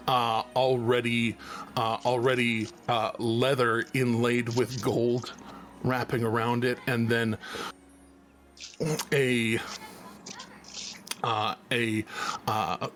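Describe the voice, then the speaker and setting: A man narrating as game master, halting often with many fillers and restarts. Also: mid-range voice, fairly bright tone, slight background noise.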